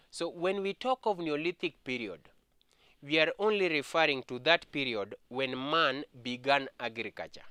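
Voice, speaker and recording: Bright, clear Kenyan male history teacher. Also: medium pitch, no echo. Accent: Kenyan English. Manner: slow, deliberate, repeats key points. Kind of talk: exam revision lesson.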